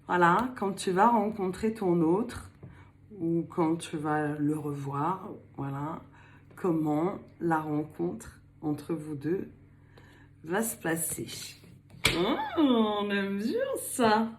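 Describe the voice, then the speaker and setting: A woman's voice: on the low side, lively intonation, slow, slight background noise. Chatty older woman giving a tarot reading. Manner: chatty, playful, laughs often, slips into a put-on accent. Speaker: tarot card reader. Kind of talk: casual tarot reading to camera.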